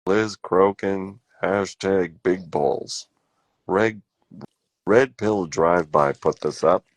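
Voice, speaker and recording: A man's voice: deep voice, steady tone, takes it slowly, dry recording, rough recording. A man co-hosting a casual chat, with wry, sarcastic asides.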